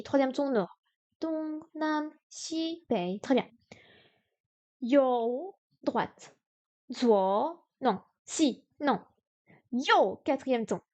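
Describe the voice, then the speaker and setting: A woman streaming herself studying Chinese, sounding out words slowly and correcting herself aloud. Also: sits high, darkish tone. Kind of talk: live-stream study session.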